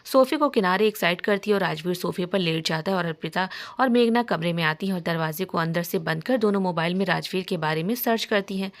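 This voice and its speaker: A woman storyteller narrating a romantic story in a steady, plain manner. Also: lowish voice, brisk, hardly any pauses.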